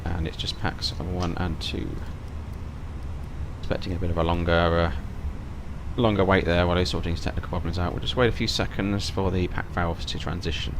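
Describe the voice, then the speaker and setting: Deep gravelly man over cockpit noise. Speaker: livestreamer and airline pilot. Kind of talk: flight-sim commentary with checklist callouts.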